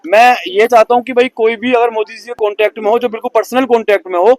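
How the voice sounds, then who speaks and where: A man's voice: extremely high pitch, steady tone, fast, no echo. A man speaking earnestly in a street interview, pleading and full of admiration. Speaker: bystander interviewee.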